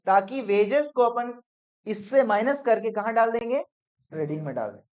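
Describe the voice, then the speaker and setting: A man teaching accounts in a classroom lecture, brisk and coaxing, often checking whether students follow. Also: high voice, animated, a little mellow. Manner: brisk, coaxing, peppered with "theek hai?". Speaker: commerce teacher. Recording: dull lo-fi classroom recording.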